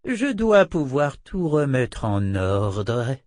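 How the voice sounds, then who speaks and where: A man reading a French audiobook, voicing a sly, theatrical male wizard who speaks slowly and deliberately with mock sincerity. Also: mid-range voice, sing-song, darkish tone, no echo, studio quality. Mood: slow, smug.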